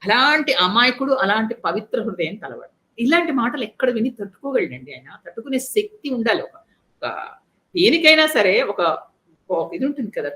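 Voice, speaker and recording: A woman's voice: mid-range voice, fairly bright tone, slight background noise. A woman storyteller retelling an epic in a chatty way, speaking straight to her listeners and restarting words mid-sentence. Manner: conversational, addresses listeners directly, restarts mid-word.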